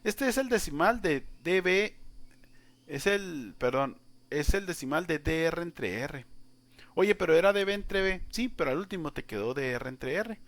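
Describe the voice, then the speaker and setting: A man works through a calculus lesson in a casual, talkative way, speaking straight to the student as he goes. His voice sits a little high and moves up and down a lot, so the explanation stays animated. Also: measured pace, no room sound. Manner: chatty, addresses the student directly, explains step by step. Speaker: math teacher. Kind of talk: informal whiteboard lesson.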